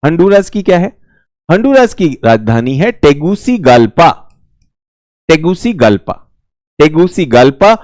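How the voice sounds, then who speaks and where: A man's voice: a little high, very animated, measured pace, long pauses, a little mellow, dry recording, clean studio sound. A man with an Indian accent teaching geography in a live online exam-prep class, chatty and teasing, repeating key words.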